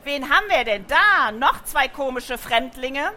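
A woman voices a spiky, sneering tomcat in a storybook reading, hissing at newcomers with plain contempt. The voice sits a touch high and comes across bright and sharp. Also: lively intonation, a little slow, exaggerated voice. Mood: scornful. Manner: hissing, scornful. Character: snarling rude tomcat, spiky and hostile.

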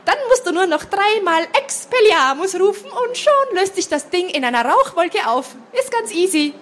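A woman's voice: very high voice, sing-song, normal speed, a bit bright, pitched above the performer's own voice, exaggerated voice. A woman reading aloud, voicing a cheeky teenage girl who teases and mocks her twin sister. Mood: mocking. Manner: teasing, mocking.

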